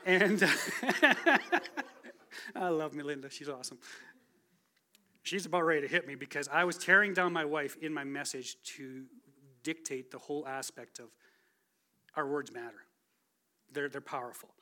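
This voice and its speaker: With a measured pace and frequent pauses, a man in his forties speaks in a fairly high, bright, forceful voice. He's a guest speaker in a church sanctuary, giving a chatty, casual sermon testimony from the pulpit and poking fun at himself.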